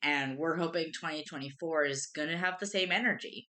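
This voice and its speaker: A woman streamer talks casually to her chat, emotional and rambling. Her voice sits low yet sounds bright and edgy, and she often trips over her words and starts again. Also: brisk. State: tearful at times. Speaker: streamer co-host.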